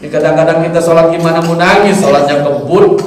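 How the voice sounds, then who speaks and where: Joking preacher in an echoey mosque. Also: male voice, a little high, fast talker. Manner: humorous, animated, mimics chanting and gossip. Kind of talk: mosque study sermon. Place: large mosque hall. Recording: echoey hall, mic from far off.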